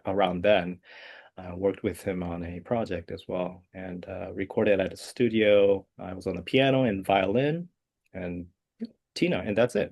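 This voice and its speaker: A low, gravelly-voiced composer from South Korea answers interview questions as a guest. He is soft-spoken and hesitant, using many "uh" and "um" fillers.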